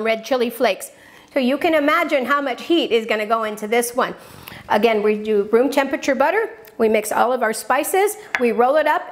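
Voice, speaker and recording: A middle-aged woman hosting a cooking demonstration in her home kitchen, chatty, upbeat and enthusiastic. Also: fairly high pitch. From New Mexico. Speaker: cooking show host.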